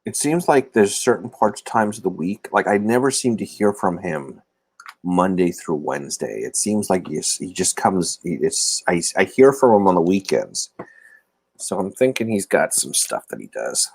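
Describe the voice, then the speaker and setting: Male streamer, casual chat, slightly low voice, dry close recording. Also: animated, moderate pace, breathy edge, no echo. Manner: rambling, self-deprecating, talks to chat viewers. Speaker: livestream host. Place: indoor room. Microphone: phone or laptop camera mic.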